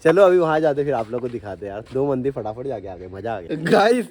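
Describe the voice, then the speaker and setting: A man's voice: mid-range voice, very animated, fast talker, a crowd in the background. A man hosting a casual family vlog, chatting and talking to his viewers. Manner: chatty, keeps addressing viewers as guys. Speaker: vlogger host. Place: temples and outdoors on a family outing.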